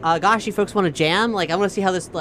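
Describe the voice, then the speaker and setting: A woman playing a tabletop role-playing game chats in a casual, dry way, swearing now and then during the improvised play. Her mid-range voice is fast and a bit bright, with music behind it and a little hiss or hum.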